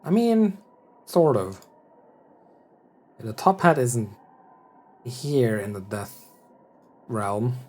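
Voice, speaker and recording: Laid-back male streamer, slow talker. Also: medium pitch, sing-song, a little mellow. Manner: laid-back remarks over the game. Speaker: game streamer. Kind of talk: casual gameplay commentary.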